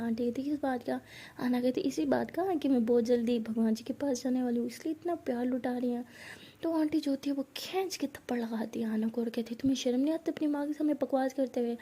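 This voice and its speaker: Woman storyteller, high dark husky voice, soft half-whispered delivery. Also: fairly quick. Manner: soft, partly whispered narration. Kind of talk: narrating a love story, voicing each character.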